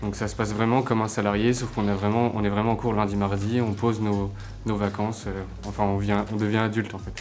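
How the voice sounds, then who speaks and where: A young man, a work-study student, explains his schedule in a testimonial with steady but slightly hesitant speech. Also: lowish voice, a little fast, faint music behind. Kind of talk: testimonial interview.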